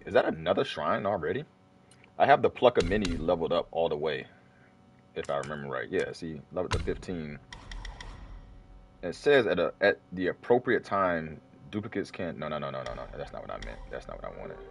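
A man's voice: very deep voice, creaky. A man giving casual let's play commentary, rambling and correcting himself as he chats to the screen. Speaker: gamer playing through a video game.

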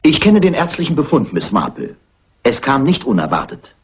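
An exasperated male police inspector in an old dubbed crime film. His very husky voice swings widely in pitch, polite but condescending. The sound is a little dull. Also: huge pitch swings, moderate pace, heavily acted. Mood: dismissive.

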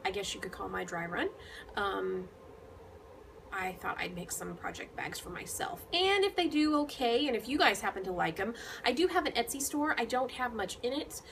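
A woman with a middle-pitched voice chats casually about her craft projects, wandering from topic to topic with frequent ums and self-corrections. She sounds relaxed and informal, talking from home with a faint hum of background noise. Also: rough recording. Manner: rambling, many ums and restarts. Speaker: knitting vlogger. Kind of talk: casual chat to camera.

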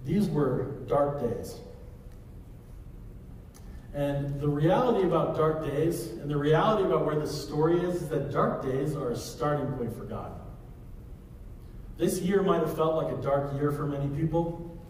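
Thirties male pastor, slightly higher voice, casual sermon delivery, roomy faint hiss. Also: measured pace, pauses often, a little mellow. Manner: conversational preaching, walks the stage gesturing. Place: large church sanctuary. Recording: echoey hall from far off.

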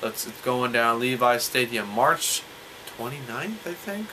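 A young man giving casual, rambling wrestling analysis, animated and full of rhetorical questions. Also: medium pitch, unhurried, background noise. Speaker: wrestling vlogger.

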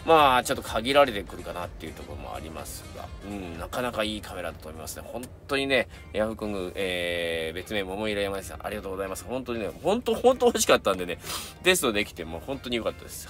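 Fast-talking middle-aged Kansai man. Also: lowish voice, fairly bright tone. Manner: chatty, rambling, many fillers and asides. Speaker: camera channel host. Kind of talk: casual review and reading viewer submissions.

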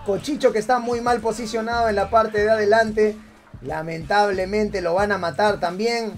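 A man casting a live esports tournament on stream. He calls the action loudly and energetically, then slips into laid-back banter with his chat. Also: high-pitched, steady tone, normal speed, soft background music. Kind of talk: live esports play-by-play commentary.

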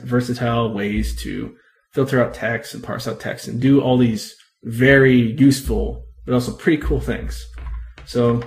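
A man talks through a coding tutorial in a loose, unscripted way, stopping to fix his wording and filling pauses with ums. His voice sits at an ordinary middle pitch for a man. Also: slight background noise. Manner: rambling, self-correcting, many ums. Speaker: tech video host. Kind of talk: casual screen-recorded tutorial.

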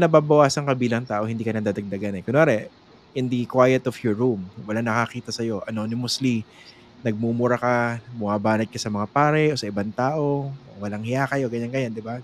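A male host talks reflectively in a mid-pitched voice, thinking aloud and checking in with short tag questions. A faint noise sits beneath his voice. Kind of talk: conversational interview.

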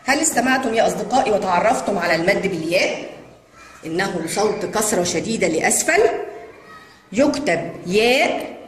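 A woman teaching young children to read, spelling out words in long drawn-out sounds. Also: medium pitch. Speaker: kindergarten Arabic teacher. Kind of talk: children's reading lesson. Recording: echoey room with long reverb and faint noise.

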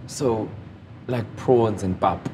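A man's voice: fairly low pitch, takes it slowly. A young South African man chatting casually on a date over a meal, with a hesitant but eager manner. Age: young adult. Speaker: host on a mock date. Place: restaurant, indoors. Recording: clear background ambient noise.

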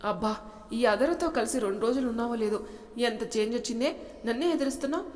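A woman's voice: a little high, fast talker, darkish tone, natural voice. A woman voicing a teasing, bold young man in a storybook tale, swaggering and playful, with a long hall reverb.

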